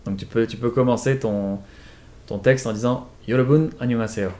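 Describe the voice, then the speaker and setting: A man's voice: medium pitch, fairly even intonation, normal speed, warm tone. A man casually teaching pronunciation, explaining and demonstrating sounds one by one. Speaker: accent teacher. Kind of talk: casual lesson.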